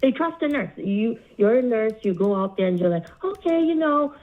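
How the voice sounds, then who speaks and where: A woman from Zambia calling in to a talk show, speaking earnestly with many pauses and fillers. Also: fairly high pitch, lively intonation. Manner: slow, earnest, halting with fillers. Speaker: caller. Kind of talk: call-in talk. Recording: phone line.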